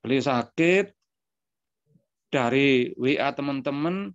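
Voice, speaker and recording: A man recounts events in a storytelling manner, slipping into quoted dialogue and leaning on small filler words. His voice sits at an ordinary middle pitch. The recording is dry and somewhat dull. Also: slow pace, no room sound. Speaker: speaker giving a testimony. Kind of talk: spoken reminiscence.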